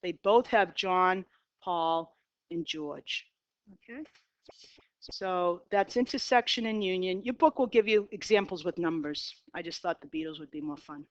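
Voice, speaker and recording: A woman's voice: lowish voice, a little slow, dry recording, lo-fi sound. A woman in her fifties with a Boston accent, teaching a college math class in a chatty style, asking students questions and going off on tangents. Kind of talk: classroom lecture.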